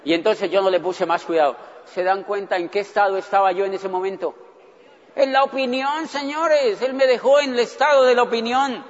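A man, telling his own story to an audience in an animated way and acting out his past thoughts. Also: sits high, normal speed. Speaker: motivational speaker. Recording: dull, echoey hall recording.

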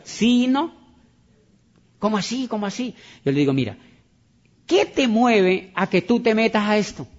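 A motivational speaker with a high-pitched, lively voice delivers an emphatic talk to an audience at a moderate pace with long pauses, repeating his points and acting out conversations. The recording is dull and lo-fi.

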